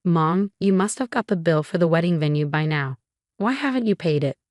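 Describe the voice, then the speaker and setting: A woman's voice: fairly low pitch, expressive, brisk, a little mellow, dry recording, studio quality, natural voice. A woman voicing an arrogant young man who speaks rudely and demands money from his mother. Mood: pleading. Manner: rude, demanding. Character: arrogant young groom, cold son.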